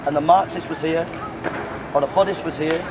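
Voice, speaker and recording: A man's voice: fairly high pitch, fairly even intonation, a little fast. A middle-aged male street preacher in a debate, assertive and repetitive, cutting in to take back the floor. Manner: assertive, keeps cutting in, repeats phrases. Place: outdoor city square. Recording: outdoor recording with street noise.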